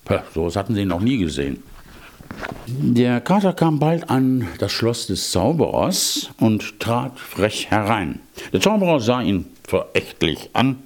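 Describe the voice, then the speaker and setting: An older man, a grandfather, telling a fairy tale with slow, gentle storytelling and chatty asides. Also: mid-range voice, big pitch swings. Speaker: grandfather reading fairy tales.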